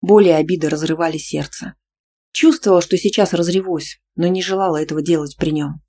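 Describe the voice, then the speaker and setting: An audiobook narrator giving a lively, expressive first-person story reading. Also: medium pitch, fairly quick, slight background noise.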